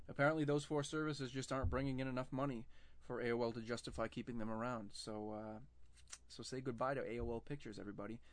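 A man's voice: mid-range voice, no room sound. Young guy doing a tech news podcast, chatty, lots of ums, dry close sound. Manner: chatty, with frequent fillers and restarts. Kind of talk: casual tech news commentary.

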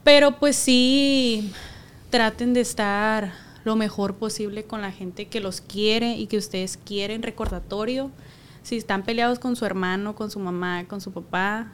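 A woman's voice: mid-range voice, steady tone, a little slow, slight background noise. A woman with a Mexican accent, talking as a podcast guest in an earnest way, sometimes searching for words and sometimes urging listeners. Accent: Mexican Spanish. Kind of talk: casual chat.

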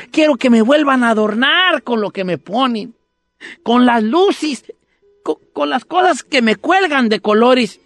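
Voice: gravelly, dry recording, exaggerated voice. A weeping Christmas tree. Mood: pleading. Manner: sobbing, high, begging voice. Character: young Christmas tree, sad and pleading.

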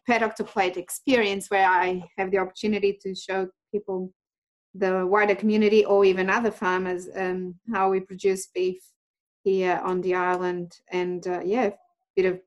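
A woman farmer speaking with a mix of Australian and Portuguese accents, answering interview questions in a friendly way with frequent hesitations. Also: medium pitch. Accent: Australian mixed with Portuguese. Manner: hesitant, many ums, friendly. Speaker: farmer and tour guide.

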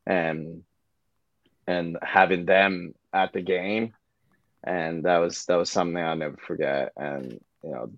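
A man's voice: low voice, no echo. A young man in his twenties, a native Japanese speaker with a North American accent, answering interview questions hesitantly as a guest ice hockey player. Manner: hesitant, many fillers and restarts. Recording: dull lo-fi.

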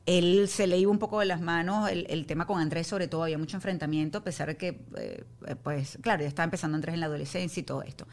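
Middle-aged woman guest, rapid candid delivery, acts out her quotes. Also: deep voice. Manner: animated, acts out her own quoted lines. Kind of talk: candid conversational storytelling.

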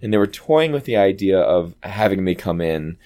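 A Broadway actor appearing as a guest tells stories in a casual interview, acting out quoted lines as he goes. His voice is low and his pace moderate, and he's animated and chatty throughout.

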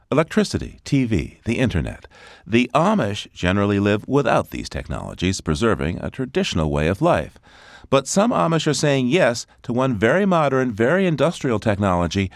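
A man's voice: lowish voice, vocal fry, no echo, clean studio sound. A man hosting a radio program, introducing guests and stories with emphatic announcing. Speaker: radio show host. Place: studio.

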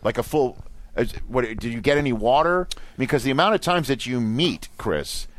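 A man hosting a podcast in casual chat, teasing his co-hosts with dry, drawn-out sarcasm. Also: medium pitch, animated, dry recording. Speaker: podcast host.

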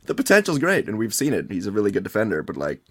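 Male podcast co-host, slightly low voice, informal and conversational sports talk. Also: wildly swooping pitch, fast talker. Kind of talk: casual sports podcast chat.

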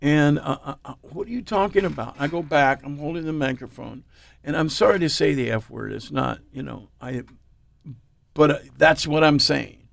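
A man's voice: a little high, normal speed, creaky, a bit bright, dry recording. A man from Oregon, a blues musician, casually tells an anecdote in an interview and acts out the quoted dialogue in different voices. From Oregon, United States. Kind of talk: casual storytelling.

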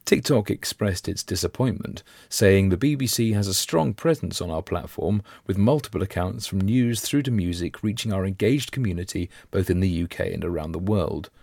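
A man with a croaky, gravelly voice after flu, reading scripted news for a podcast in a measured, formal way. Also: sits low, a little mellow, no room sound, studio quality.

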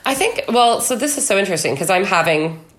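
In an echoey room, a fast-talking woman with a mid-range voice and lively intonation gives her views as a guest author and commentator. The political discussion is casual, and she keeps acting out others' lines in mock dialogue.

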